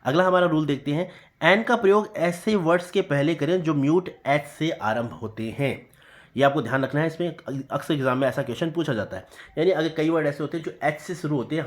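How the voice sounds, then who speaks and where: Man teaching grammar, slow and repetitive. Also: a little high. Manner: slow deliberate reading of example sentences, repeating key points. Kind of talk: explanatory classroom lesson.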